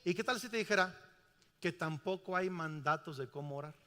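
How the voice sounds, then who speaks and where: A middle-aged pastor with a slightly high voice preaches a bit fast, and the recording has a big-room sound. He's lively in a large church, asking the congregation question after question.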